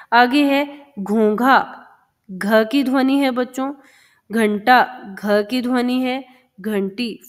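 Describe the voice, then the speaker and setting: A female teacher with a fairly high voice walks young pupils through a lesson from a children's textbook, patiently going over words and sounds again and again.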